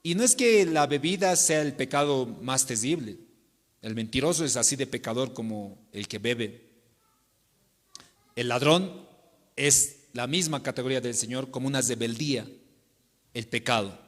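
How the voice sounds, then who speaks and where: A man's voice: medium pitch, expressive, moderate pace, long pauses. Impassioned man preaching in a reverberant church. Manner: impassioned, swinging between loud declarations and hushed pleas. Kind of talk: sermon. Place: church sanctuary.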